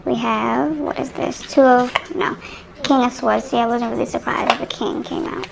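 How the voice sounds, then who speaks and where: A young woman talks straight to her viewers through a tarot reading, rambling in a loose, chatty way. Her voice sits a little high and carries a gravelly fry. She is picked up on a phone microphone. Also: steady tone, moderate pace, noisy background. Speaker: tarot reader.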